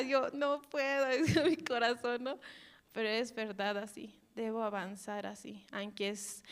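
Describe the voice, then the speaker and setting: A woman with a Bolivian Spanish accent shares a personal testimony before a church gathering. Her voice sits a little high, and she speaks haltingly, often breaking off and tagging her sentences with small questioning words. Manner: halting, repeats "¿no?" and "así" often, laughs softly. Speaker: church volunteer giving testimony.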